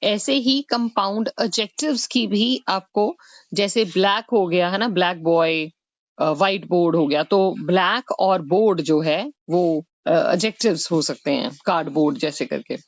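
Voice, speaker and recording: Woman, patient online tutor; slow, step-by-step explanations with frequent "right?". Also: on the low side, no echo, highs cut off. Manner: explains step by step, mixing Hindi with English, often asking "right?". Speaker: English teacher. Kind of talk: exam-prep online lesson.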